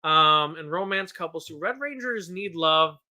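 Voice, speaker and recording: A man in his thirties chats casually on a fan podcast. His voice is bright and clear. He rambles, restarts his sentences and pokes fun at himself. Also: fairly high pitch, expressive, measured pace. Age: 30s. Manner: rambling, self-deprecating, with frequent restarts and laughs. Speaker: podcast co-host. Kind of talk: casual chat.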